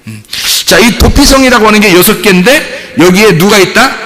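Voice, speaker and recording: Male pastor mid-sermon, gravelly, expressive, slightly high voice, in a reverberant sanctuary. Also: a little fast. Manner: animated storytelling, acting out prayers and replies. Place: church sanctuary. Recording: long hall reverb.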